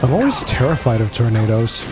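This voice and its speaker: Chuckling frequently, a male streamer offers laid-back, joking commentary while playing a video game on a livestream. He speaks fairly quickly in a medium-pitched, sing-song voice over background game music.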